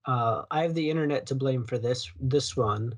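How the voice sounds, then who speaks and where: A man's voice: mid-range voice, normal speed. Rambling male podcast co-host. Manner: rambling, self-correcting, loose. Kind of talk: casual chat about video games.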